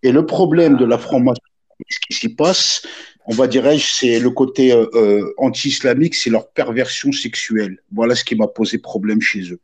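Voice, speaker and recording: Husky man explaining in halting phrases. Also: mid-range voice. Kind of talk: explaining and questioning in a casual debate.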